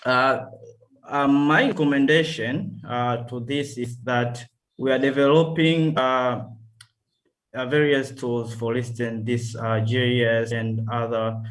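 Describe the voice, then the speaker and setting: A man from Tanzania, reporting to an online workshop over a video call, halting and full of fillers and self-corrections. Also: medium pitch, fairly even intonation, poor audio. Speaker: workshop participant.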